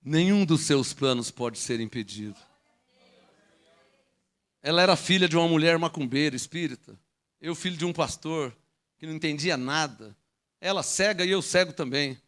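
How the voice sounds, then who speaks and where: A pastor with a Brazilian Portuguese accent delivers a lively church sermon, joking with the congregation one moment and shouting proclamations the next. His voice is on the high side, at normal speed, with frequent pauses.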